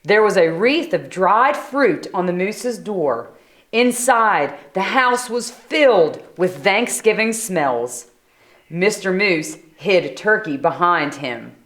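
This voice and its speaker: A woman reads a children's storybook aloud. Her delivery is unhurried and very expressive, with pitch moving freely and the odd conversational aside. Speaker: storybook reader. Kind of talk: animated children's read-aloud with brief asides.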